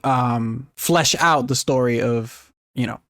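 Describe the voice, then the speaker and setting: A man co-hosting a gaming podcast, chatting excitedly, swearing freely and laughing often. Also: mid-range voice, slow pace, no echo, studio quality. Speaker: podcast co-host. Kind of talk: casual chat.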